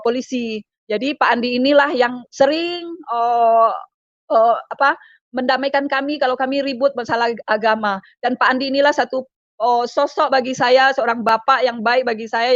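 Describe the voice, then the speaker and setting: A woman from Palembang, Indonesia, giving an emotional personal testimony, talking in a halting, repetitive way with frequent fillers. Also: on the high side, no room sound. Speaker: guest giving a conversion testimony. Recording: dull, slightly lo-fi dry sound.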